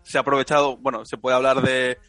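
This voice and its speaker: A man's voice: mid-range voice, completely flat delivery, quick pace, fairly bright tone, no echo. A man in his twenties from Spain, a researcher answering radio interview questions with frequent hesitations and restarts. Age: 20s. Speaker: guest, researcher.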